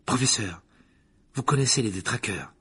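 A man reading aloud and voicing an earnest, curious teenage schoolboy in a husky storybook voice. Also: mid-range voice, expressive, moderate pace, bright, forceful tone, exaggerated voice.

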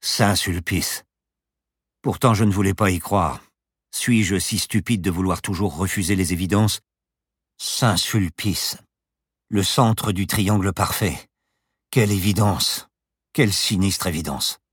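A man's voice: deep voice, measured pace, pauses often, husky, no echo, studio quality, pitched above the performer's own voice. A man voicing a boastful, eccentric professor who flies a plane and talks in grand, teasing phrases. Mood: grave. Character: boastful eccentric old professor pilot, playful.

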